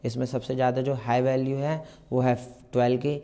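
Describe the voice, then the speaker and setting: Mellow-voiced man teaching math. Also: medium pitch, flat delivery. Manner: explains slowly, repeats steps, asks and answers own questions. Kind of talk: step-by-step math lesson.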